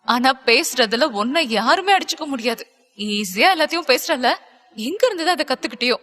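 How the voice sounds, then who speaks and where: A woman's voice: high-pitched, expressive, brisk, sharp tone, long reverb tail. A woman voicing a heartbroken, accusing young lover. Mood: bitter. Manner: accusing, bitter, pleading. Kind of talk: audiobook character voicing.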